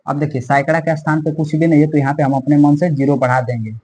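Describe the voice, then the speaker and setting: A man's voice: a little high, level tone, quick pace, a little mellow, husky, low-quality recording. A man teaching a maths lesson step by step, repeating himself and checking in often. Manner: repetitive, checks in often with "theek hai".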